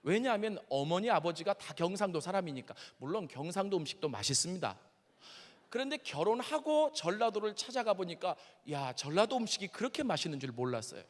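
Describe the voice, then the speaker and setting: A Korean pastor in his fifties from Seoul preaches in an animated, conversational way, telling personal stories and speaking straight to his audience. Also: high-pitched, brisk. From Seoul, South Korea. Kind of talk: sermon lecture with personal stories. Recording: long reverb of a large hall.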